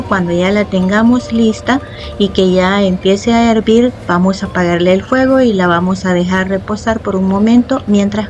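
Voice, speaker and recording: A woman, the host of a cooking channel, explaining each step of a home recipe calmly and with fond diminutives. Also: medium pitch. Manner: calm, explanatory, uses loving diminutives. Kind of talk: step-by-step cooking tutorial voice-over. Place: home kitchen.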